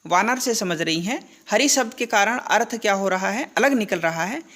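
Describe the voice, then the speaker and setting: A woman's voice: mid-range voice, animated, normal speed, fairly bright tone. A woman teaching a grammar lesson, asking questions and answering them herself, checking in with the class again and again. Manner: checks in often with "thik hai" and "hai na".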